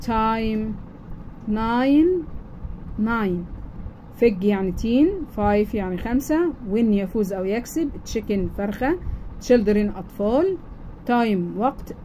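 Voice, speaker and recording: A woman with an Egyptian Arabic accent teaches English to young children, saying each word twice and explaining it in plain, simple steps. Her voice sits a little high and has a soft, mellow tone. A faint hum of background noise runs under the recording. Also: poor audio.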